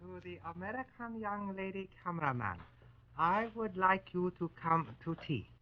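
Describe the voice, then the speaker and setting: Suave, arrogant colonel, grave wartime radio. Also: male voice, sits high, animated. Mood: courteous. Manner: formal, measured, condescending. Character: suave, arrogant Japanese colonel, polite captor. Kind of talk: 1940s radio acting, grave war drama. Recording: muffled old 1940s radio recording.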